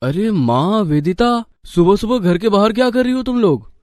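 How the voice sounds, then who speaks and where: Young cartoon husband, stern and questioning, slightly high. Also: male voice, lively intonation, moderate pace, dry recording, studio quality.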